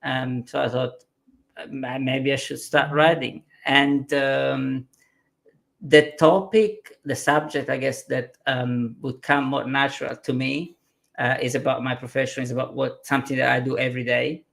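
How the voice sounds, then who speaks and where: A man in his forties from southern Italy with an Italian accent, a consultant telling his story as a webinar guest in a thoughtful, unhurried way. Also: mid-range voice, little pitch movement, gravelly, fairly bright tone. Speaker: consultant and author. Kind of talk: guest interview on a live webinar.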